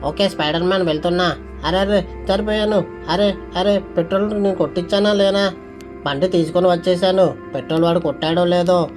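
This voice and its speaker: A man narrating gameplay in an excitable way, with many exclamations. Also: sits high, a little fast, music in the background.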